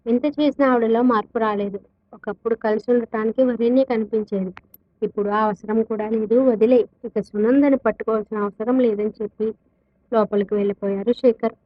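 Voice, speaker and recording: A woman narrating a family drama, with expressive changes of tone whenever she voices the characters. Her voice sits a little high. The recording is dry, with no room sound, and slightly dull and lo-fi. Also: fairly quick, no echo. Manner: expressive, shifts tone for quoted characters. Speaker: storyteller.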